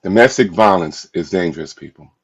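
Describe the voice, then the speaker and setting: Ein Mann mit sehr tiefer Stimme spricht leidenschaftlich als Aufklärer über häusliche Gewalt, mit stockendem, sich wiederholendem Nachdruck. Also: male voice, sits low, vocal fry, slightly rough. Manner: emphatic, repetitive, halting. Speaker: domestic violence awareness speaker. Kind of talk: impassioned spoken storytelling.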